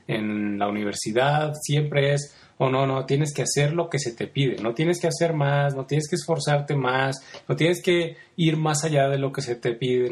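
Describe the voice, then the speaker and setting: A man hosting a motivational podcast, talking in a conversational way and tagging many sentences with a questioning "right?". He tells stories with quick voiced asides. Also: medium pitch, darkish tone. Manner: conversational, frequent rhetorical "¿no?" tags. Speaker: podcast host.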